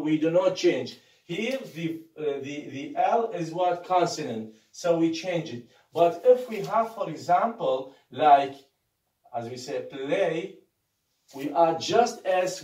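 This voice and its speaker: Male lecturer, slightly high voice, slow and hesitant, recorded far off in an echoey room. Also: darkish tone. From Iraq. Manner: halting, many fillers and rhetorical "what?" questions. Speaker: university grammar lecturer.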